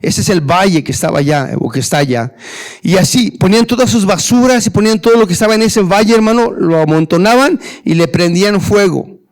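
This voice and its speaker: Un pastor predicando con fervor en español, haciendo preguntas retóricas y llamando "hermano" a sus oyentes. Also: male voice, high-pitched, a little fast. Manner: earnest preaching, often addressing "hermano", rhetorical questions. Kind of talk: sermon.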